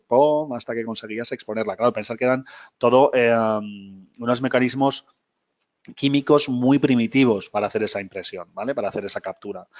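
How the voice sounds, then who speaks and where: A man teaching a film history class live, talking casually, often checking in with his students and correcting himself as he goes. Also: mid-range voice. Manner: many fillers and self-corrections.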